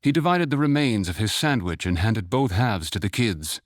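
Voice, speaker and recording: A man narrating a fantasy short story in a measured, even storytelling manner. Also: fairly low pitch, no echo, clean studio sound, lightly acted. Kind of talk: scripted audiobook narration.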